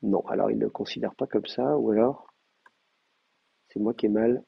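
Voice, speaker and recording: A man's voice: on the low side, normal speed, gravelly, slightly rough. A man teaching a language class, explaining step by step and thinking aloud, with frequent hesitations and fillers. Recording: muffled lo-fi class recording.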